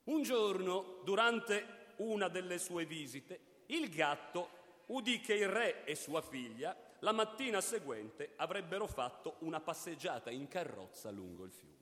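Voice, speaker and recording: A man narrating a fairy tale in an expressive storytelling manner. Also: high voice, measured pace. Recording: long hall reverb.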